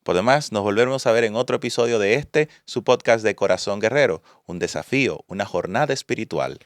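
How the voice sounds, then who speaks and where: Steady low-voiced podcast host. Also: male voice, fairly quick, no room sound, studio quality. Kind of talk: storytelling and podcast sign-off.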